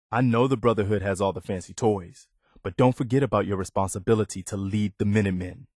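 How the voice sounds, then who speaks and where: A male actor gives an earnest wasteland militia lieutenant a lowish voice in video game dialogue. The lightly acted character speaks plainly and with principle, like a dutiful soldier. The recording is close and dry, with no room sound.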